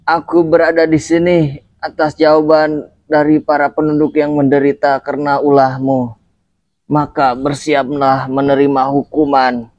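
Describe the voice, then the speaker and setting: Young guy doing a stern old beggar grandpa, solemn preachy tone, kinda high, dry sound. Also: level tone, measured pace, dry recording, dull audio, close to an everyday voice. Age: young adult. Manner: solemn, scolding, declamatory. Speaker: student actor. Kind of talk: school drama acting.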